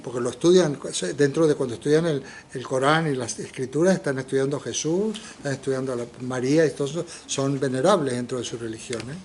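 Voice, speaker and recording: A man's voice: mid-range voice, quick pace, hardly any pauses, darkish tone, a little hiss or hum. An older man giving an informal philosophy seminar lecture, asking the audience rhetorical questions and dropping frequent tag questions. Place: lecture room in a community center.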